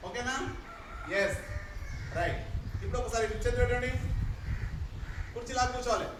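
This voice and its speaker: A man's voice: very high-pitched, fairly even intonation, a little fast. A man, leading a live exercise class and repeating short commands to a group. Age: 50s. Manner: repetitive demonstrating commands to a group. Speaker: exercise instructor. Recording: echoey, far from the mic, noisy.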